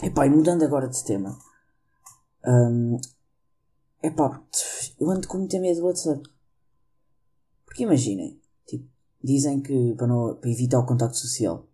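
Male comic, European Portuguese accent, husky low-toned voice, rambling self-mocking home monologue. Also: normal speed, pauses often, mellow. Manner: rambling and self-mocking, joking at his own jokes. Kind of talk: casual comedic monologue. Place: at home during lockdown.

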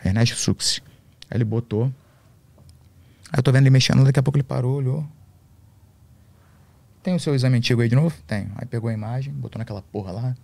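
A man's voice: medium pitch, creaky, darkish tone, no echo. A Brazilian man telling a personal story in slangy, profane casual talk. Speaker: podcast guest.

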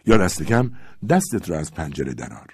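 A man voicing a young Cossack lad who pleads with his sweetheart in a loud, eager voice. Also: extremely low pitch, big pitch swings, breathy edge, dry recording, full character voice. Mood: ardent.

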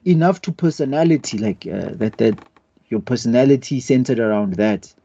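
A man's voice: medium pitch, lively intonation, normal speed, warm tone, dull audio. A man in a casual debate, hesitant and searching for words as he argues a point.

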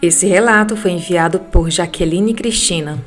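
A woman with a Brazilian Portuguese accent, reading listener-sent ghost stories aloud as a podcast narrator in a calm, steady storytelling manner. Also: on the low side, normal speed. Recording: faint music bed behind the voice.

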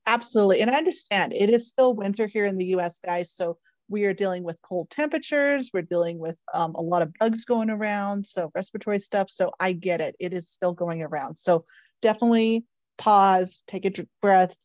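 A woman with a medium-pitched, darkish voice talks a little fast as she hosts a podcast, giving the intro and interview chat informally and emphatically, addressing listeners directly. She works as a caregiver coach, and the recording has no room sound.

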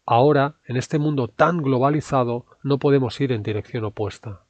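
A man who teaches Spanish, reading his own article aloud in a calm, measured way with clear diction. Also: mid-range voice, no echo.

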